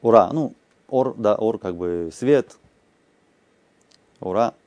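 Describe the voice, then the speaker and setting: A man with a low, mellow voice teaches a class at an unhurried pace, chanting short phrases and then explaining each one. The recording is dry and close, with no room sound. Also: no room sound. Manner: slow, explanatory, chanting phrases aloud and translating. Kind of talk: explanatory lesson.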